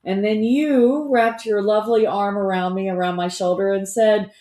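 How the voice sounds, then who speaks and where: A woman's voice: mid-range voice, steady tone, normal speed, mellow. A woman co-hosting a podcast in casual, storytelling conversation, recorded in a roomy-sounding space. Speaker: podcast co-host.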